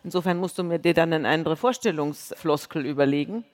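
A woman, co-hosting a live podcast with quick, teasing banter. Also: sits low, a little mellow. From Munich, Germany. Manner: chatty, quick-witted, teasing. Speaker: podcast co-host. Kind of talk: live podcast stage chat. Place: large concert hall before an audience. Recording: hall reverb from a live stage.

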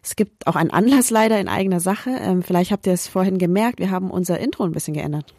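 A woman's voice: lowish voice, fast talker, a little mellow, dry recording, studio quality. A woman from Berlin co-hosting a podcast, talking frankly and thinking aloud in a casual way. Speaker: podcast co-host.

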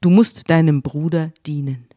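A woman voicing an old blind father who speaks gravely as she retells an old story. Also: deep voice, fairly even intonation, dark tone, no room sound, clean studio sound. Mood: solemn. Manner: grave, measured.

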